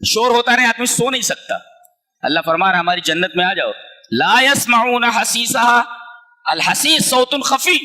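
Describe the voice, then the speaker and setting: A man giving a commentary lecture as a preacher, asking rhetorical questions and reciting Arabic verses slowly. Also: very high-pitched, bright, forceful tone. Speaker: Quran commentator.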